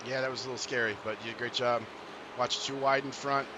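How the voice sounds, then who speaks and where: A man's voice: medium pitch, steady tone, fast, background noise. A man talking as a crew chief, giving casual, encouraging race updates to his driver. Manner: encouraging, reassuring.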